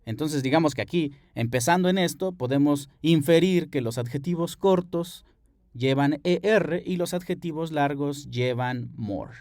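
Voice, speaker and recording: A man's voice: a little high, normal speed, darkish tone, dry recording. A man teaching an English grammar lesson at a board, patient, explaining rules step by step and checking in with his students.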